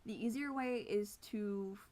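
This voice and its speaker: A woman's voice: medium pitch, a little slow, a little mellow. A woman flute player with missing teeth, giving an informal, hesitant and self-deprecating tutorial. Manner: casual, self-deprecating, hesitant while explaining. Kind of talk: informal instructional talk with demonstrations.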